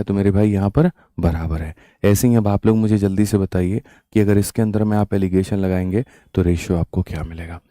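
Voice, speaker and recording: A man's voice: lowish voice, dark tone, no echo, studio quality. A man with a sore throat teaching a live-streamed maths lesson, asking his students question after question. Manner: addresses students as "mere bhai" and "bachchon", with repetitive rhetorical questions.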